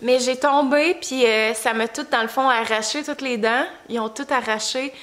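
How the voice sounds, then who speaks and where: Higher-pitched Quebec woman, swollen-tongue speech. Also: steady tone, moderate pace, fairly bright tone. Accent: Quebec French. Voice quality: slightly impaired articulation from a swollen, bitten tongue. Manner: informal, chatty storytelling. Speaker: vlogger and mother. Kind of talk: casual vlog chat.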